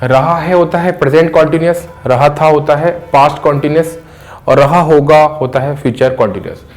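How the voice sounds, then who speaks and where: Slow-explaining teacher. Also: male voice, a little high. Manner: explains slowly, repeats phrases word by word. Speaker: English grammar teacher. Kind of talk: classroom grammar lesson.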